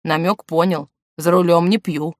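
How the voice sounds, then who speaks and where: Woman doing a blunt joking pilot, loud calls, dry audiobook studio. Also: on the low side, steady tone, normal speed, no room sound, lightly acted. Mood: blunt, urgent. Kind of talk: audiobook character reading.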